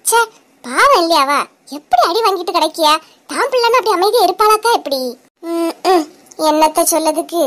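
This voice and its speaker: Nosy, gossiping neighbor aunties from a cartoon comedy, voiced by a woman with a Kanyakumari Tamil accent. Their voices are very high and shrill as they call out and chatter. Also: animated, a little fast, a bit bright. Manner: gossiping, calling out.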